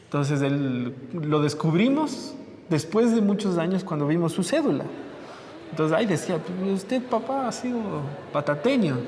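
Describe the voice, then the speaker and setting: A man's voice: on the high side, animated, moderate pace, a little mellow, in a large hall. A man, talking in a conversational, anecdotal way in a documentary interview.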